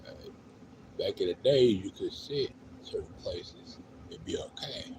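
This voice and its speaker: Low, slow-talking American man, noisy street. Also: animated, darkish tone. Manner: halting, repetitive, with frequent 'you know'. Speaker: livestreamer appealing to viewers for help. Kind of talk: casual, rambling plea to camera. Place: outdoors on a downtown street. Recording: noisy outdoor street, uneven level.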